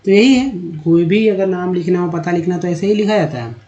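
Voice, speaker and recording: A man, teaching in a slow lesson and reading word lists aloud syllable by syllable. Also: sits high, animated, mellow, dull audio. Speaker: English teacher.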